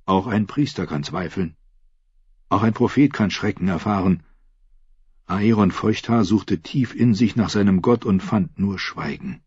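A man's voice: on the low side, unhurried, a little mellow, slightly rough, no room sound, highs cut off. A man narrating a fantasy audiobook in a dramatic, scripted style.

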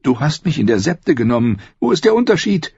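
A proud, desperate queen, as a male audiobook reader voices her, pitched far above his own voice and swinging wildly in tone. Her voice stays husky and gravelly as she pleads and mocks. The recording is dry and dull. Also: very animated, fairly quick, darkish tone, no room sound, exaggerated voice. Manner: pleading, then scornful and biting.

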